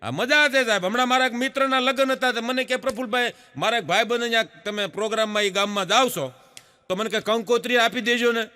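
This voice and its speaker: A middle-aged man, telling stand-up jokes in an animated way, laughing at his own punchlines and breaking into bits of song. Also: very high-pitched, fast talker. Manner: sings snatches of folk and film songs. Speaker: stand-up comedian. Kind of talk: Gujarati stand-up storytelling. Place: stage show before an audience in a hall.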